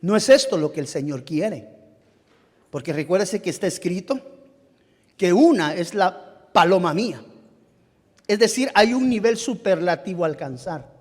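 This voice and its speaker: A male pastor with a Guatemalan Spanish accent preaching a sermon, often pausing to search for the right word and calling his listeners "beloved brother". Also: sits high, big pitch swings. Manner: halting, searches aloud for words and restarts phrases. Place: church sanctuary. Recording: long reverb of a church hall.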